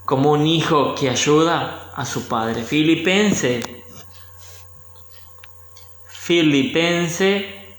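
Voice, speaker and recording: Priest guy, kinda high voice, slow and unhurried, echoey room. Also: a bit bright. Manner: unhurried, pauses to look up verses. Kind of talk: informal teaching talk.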